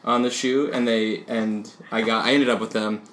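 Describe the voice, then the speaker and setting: A woman hosting a casual podcast, playful and jokey, quick to jump in. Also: a bass voice, steady tone. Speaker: podcast host. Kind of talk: casual chat. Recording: roomy echo, faint noise.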